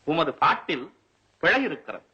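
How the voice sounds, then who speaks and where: Grave, formal elder poet with a husky, bright tone, as a man acts him out. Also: a little high, big pitch swings, normal speed, lo-fi sound, heavily acted. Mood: stern. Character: stern, proud older male court poet. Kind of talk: comic film-scene reenactment.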